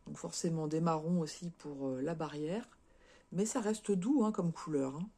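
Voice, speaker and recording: A woman's voice: deep voice, normal speed, mellow, husky. A French woman chatting casually as a craft vlogger, showing and unboxing cross-stitch kits, with lots of fillers and repeated words.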